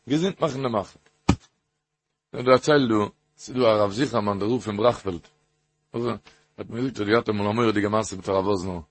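A man giving a Torah talk with stories, halting and repeating phrases, rising into an emphatic sing-song. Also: fairly low pitch.

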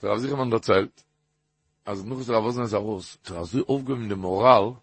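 A man giving a Torah talk with stories, halting and repeating phrases, rising into an emphatic sing-song. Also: fairly low pitch, husky, no room sound.

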